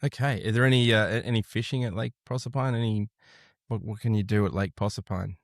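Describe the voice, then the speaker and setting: An Australian man hosts a chatty podcast in a lowish voice. He greets listeners with an upbeat, joking manner. The sound is dry and close. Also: fairly even intonation, fast talker, vocal fry, no room sound. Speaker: podcast host. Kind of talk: casual podcast chat.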